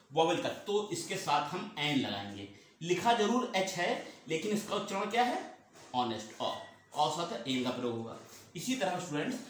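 Echoey Hindi-speaking teacher, lively voice. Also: male voice, high-pitched. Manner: repeats points, asks and answers own questions. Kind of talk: classroom lesson. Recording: very echoey room, faint noise.

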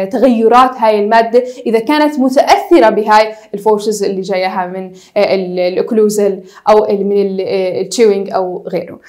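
A young woman gives a casual university lecture, mixing in English technical terms and pausing often on hesitation sounds. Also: fairly high pitch, a little mellow. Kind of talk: recorded lecture.

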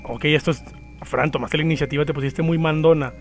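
A man giving let's play commentary, blunt and quick to swear. His voice sits fairly high, with faint game music behind him. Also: fairly even intonation. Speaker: gameplay commentator.

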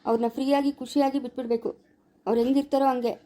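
A woman's voice: high voice, level tone, rapid-fire, warm tone, lightly acted. A woman playing a doctor who firmly explains that an operation is needed, with a rural Chikkaballapura Kannada accent. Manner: firm, matter-of-fact, explaining. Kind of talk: village family drama acting.

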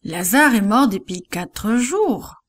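A woman's voice: mid-range voice, animated, slow pace. A woman reading a grieving sister, plaintive. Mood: pleading. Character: grieving woman pleading for her brother.

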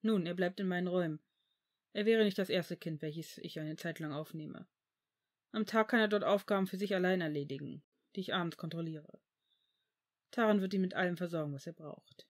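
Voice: mid-range voice, a little fast, lightly acted. A reader voicing an angry, protective male potions master in a fan fiction audiobook, cutting and indignant. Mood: serious. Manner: cutting, indignant, shouting at times.

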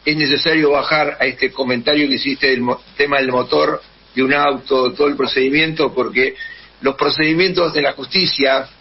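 A man with an Argentine accent, a radio co-host talking over a bad connection, halting and restarting his sentences. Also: medium pitch, fairly even intonation, a little hiss or hum. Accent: Argentine Spanish. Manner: halting, with many restarts and fillers. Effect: bad connection, lo-fi call line. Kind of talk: radio talk show questions. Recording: muffled bad-connection line, distant.

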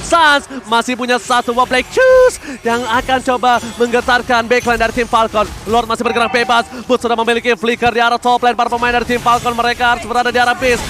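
An Indonesian man commentating an esports match like a fighting game announcer, with hype calls and drawn-out words. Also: very high-pitched, bright, forceful tone. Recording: crowd noise behind.

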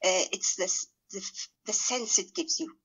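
Raised in Ethiopia with Amharic as her first language, a middle-aged guest writer and translator answers interview questions thoughtfully, often hesitating and restarting. Her mid-range voice is husky and fairly bright, at normal speed, recorded indoors in a small room.

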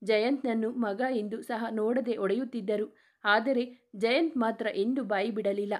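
A woman reading a dramatic family story aloud in a steady narrating voice. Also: a little high, normal speed.

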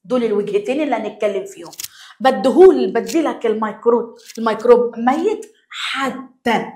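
A woman with an Egyptian accent, a biology teacher giving an exam review lesson, explaining in a lively way and firing rhetorical questions at her students. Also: on the high side, brisk, roomy sound.

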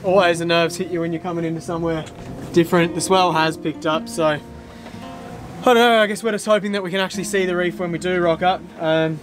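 A man's voice: high voice, fairly even intonation, quick pace, rough recording. A young man talking casually to camera on a sailing vlog, laid-back and easygoing. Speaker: sailing vlogger. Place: outdoors on a sailboat in rain and wind. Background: music and waves.

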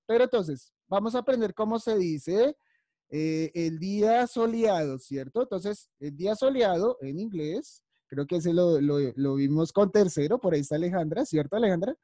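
A woman leads an online preschool English class, calling on children by name and praising each answer. Her voice is mellow and warm, recorded dry and close through a computer mic. She speaks with patient, encouraging warmth. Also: fairly low pitch, no echo. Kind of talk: online class teaching vocabulary.

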